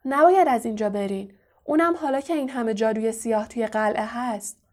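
A woman's voice: a little high, a little mellow, natural voice. A woman voicing an earnest, indignant teenage boy wizard confronting his teacher. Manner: earnest and accusing.

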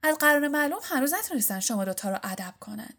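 A proud, stern mother, put on by a woman reading a storybook, snapping at her grown boys. Her voice rises high when she scolds and stays firm. It sounds like the reader's own voice with more bite. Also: sing-song, a bit bright, full character voice. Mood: scolding.

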